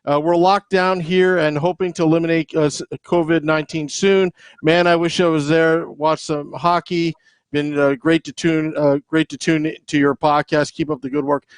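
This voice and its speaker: A man's voice: a little high, level tone, normal speed, clear, resonant tone, no room sound. A man hosting a podcast, reading out listener messages in an upbeat way with many fillers. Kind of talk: casual podcast chat.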